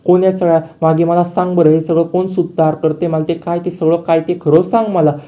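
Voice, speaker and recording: Brief: a stern father issuing threats, voiced by a man, quick and a bit high, on a dull recording. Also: level tone, close to an everyday voice. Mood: threatening.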